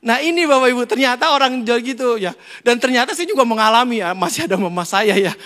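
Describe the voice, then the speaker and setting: A man gives a Sunday sermon in a high, bright voice. He talks to the congregation in a chatty, lively way, mixing rhetorical questions with jokes. The voice rings with the long reverb of a church hall. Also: fast. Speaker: preacher.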